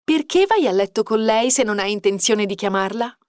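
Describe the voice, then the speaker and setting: A woman's voice: mid-range voice, expressive, moderate pace, no echo, lightly acted. Female reader voicing an indignant young woman, reproachful, dry close mic. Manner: reproachful, confronting.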